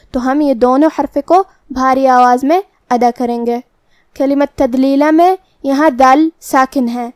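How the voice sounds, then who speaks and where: A woman teaching Quran recitation. She explains the rules for each letter carefully and then recites the verse slowly. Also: sits high, darkish tone, no echo, studio quality. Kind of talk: tajweed lesson with slow recitation.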